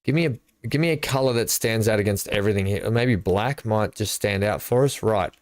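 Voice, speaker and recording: A man's voice: lowish voice, a little fast, no echo. A middle-aged man, chatting and thinking aloud while he streams a building game live. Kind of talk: live gameplay commentary.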